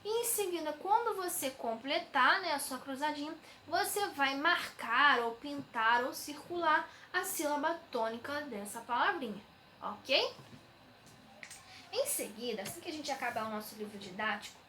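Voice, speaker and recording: A woman's voice: sits high, pushed and bright, slight background noise. A woman teacher, patiently explaining textbook exercises to young students, often saying "né". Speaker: schoolteacher. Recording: echoey room.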